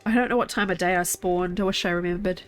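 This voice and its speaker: At home, a game streamer with a stuffy, congested nose chats and thinks aloud as she plays. Her fairly low voice is steady in tone and she talks fast, with faint music behind, during a casual live gameplay chat.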